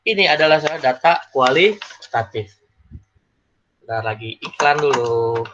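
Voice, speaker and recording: A man teaching a class, explaining examples in a lively way and often checking that students follow. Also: mid-range voice, a little slow, background noise. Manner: lively, acts out quoted people, checks in with "paham ya?". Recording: slightly dull, lo-fi recording.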